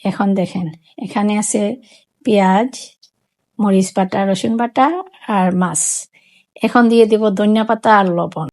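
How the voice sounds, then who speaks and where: This cooking vlogger from Sylhet, Bangladesh, with a Sylheti Bengali accent, guides viewers through a home cooking demo in a talkative, repetitive way, explaining every step. Her mid-range voice is steady and a little mellow, somewhat slow, with frequent pauses.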